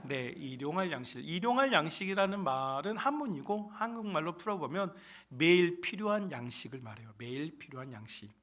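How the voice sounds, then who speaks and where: An emphatic male pastor preaching a sermon in a church sanctuary, his voice set fairly high for a man. He speaks straight to the congregation again and again. He drops to near-hushed phrases and then rises to strong, loud ones. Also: sing-song, fairly quick. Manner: emphatic, often addresses the congregation, sharp swings between soft and loud.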